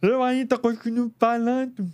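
Brazilian man, guest, strikingly high and clean voice, careful word-by-word delivery. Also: little pitch movement, darkish tone, clear, resonant tone. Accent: Brazilian Portuguese. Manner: slow, careful, deliberate articulation. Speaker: interview guest. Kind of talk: personal story in conversation.

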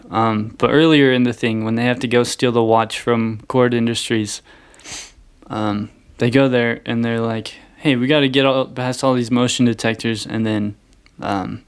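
A man's voice: medium pitch, fairly even intonation, moderate pace, smooth. A man co-hosting a casual movie review podcast, recapping scenes and acting out lines from the film. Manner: recaps scenes with mock quotes. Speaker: podcast co-host.

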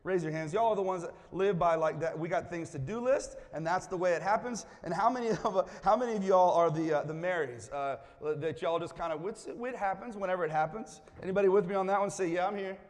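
Lively male pastor preaching in a reverberant hall. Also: high voice, a little fast, few pauses. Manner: lively, calls on the congregation to respond. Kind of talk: sermon. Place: church hall.

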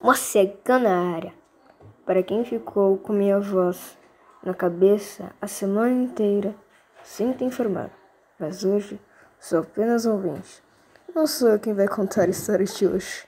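A woman's voice: mid-range voice, unhurried, warm tone, breathy edge. A woman playing a self-assured child storyteller, mock-solemn and self-important, in a children's horror audio drama. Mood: smug.

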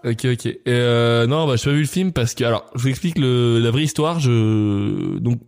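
A man's voice: medium pitch, normal speed, gravelly, darkish tone. A young man rambling through a story in casual podcast banter, full of fillers and restarts. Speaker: podcast co-host.

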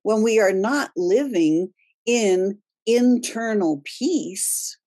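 A woman host gives a spiritual self-help talk at a slow, deliberate pace, pausing for emphasis. Her voice is a little husky, and her pitch sits in the middle range. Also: lively intonation, warm tone. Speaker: host of a wellness radio show.

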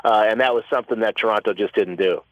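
A basketball writer calling in by phone to a sports radio show, breaking down playoff matchups in a halting way full of fillers and restarts. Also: male voice, fairly low pitch, no echo. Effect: over the phone. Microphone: telephone. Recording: dull lo-fi phone line.

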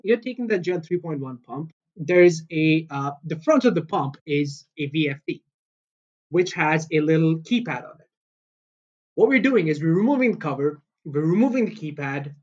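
Man giving an upbeat product pitch. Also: a little mellow, muffled recording. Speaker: product specialist guest. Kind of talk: explanatory sales pitch.

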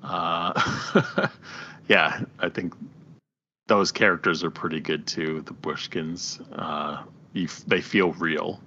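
A man's voice: deep voice, fairly even intonation, slow pace, sharp tone, highs cut off, slight background noise. A man co-hosting a casual movie discussion, enthusiastic and laughing often as he recounts scenes. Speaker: podcast co-host.

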